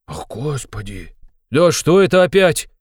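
A man's voice: mid-range voice, lively intonation, moderate pace, darkish tone, no echo, studio quality, close to an everyday voice. A man voicing a sly, fussy middle-aged male investigator who talks in a wheedling, fawning way with sly asides. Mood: alarmed.

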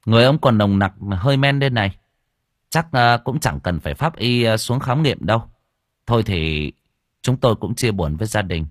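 A man's voice: on the low side, animated, moderate pace, dry recording, studio quality, lightly acted. A man voicing a matter-of-fact local official giving a verdict, in an audio story. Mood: brisk.

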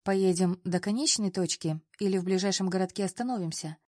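A woman reading the part of a teasing, easygoing young male boss in an audiobook, playful and then softly apologetic. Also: mid-range voice, brisk, no room sound, clean studio sound, close to an everyday voice. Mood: mild.

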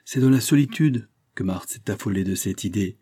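A man reading an audiobook, voicing a resolute old grandfather who reasons in a measured, firm way. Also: fairly low pitch, mellow, slightly rough. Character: grave, resolute grandfather, protective and calm.

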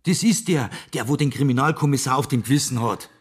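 An actor playing a plump, self-important male police witness in a radio drama, husky, with an emphatic, insistent manner. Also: mid-range voice, fast talker, lightly acted.

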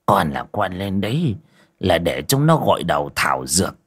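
A man's voice: high-pitched, extremely slow, a little mellow, pitched above the performer's own voice. A man voicing a sick old man who groans and talks weakly from his bed. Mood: feeble. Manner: weak, groaning, breathy.

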